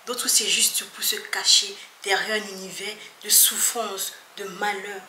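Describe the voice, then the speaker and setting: A woman's voice: mid-range voice, steady tone, unhurried. Earnest woman vlogger, echoey room. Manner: earnest, emphatic, often soft and hushed. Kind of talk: earnest talk to camera. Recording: echoey room with faint background noise.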